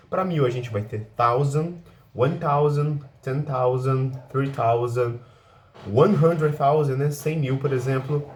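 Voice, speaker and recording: A native Portuguese-speaking man teaching English in a recorded lesson, explaining step by step, checking in often and reading English examples slowly. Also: medium pitch, a little mellow, slight background noise.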